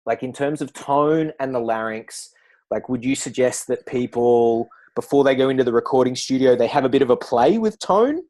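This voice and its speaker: A man's voice: mid-range voice, expressive, normal speed, darkish tone. A man interviewing a voice coach, asking his questions with restarts and hesitations. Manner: hesitant, restarts questions, brief agreeing sounds.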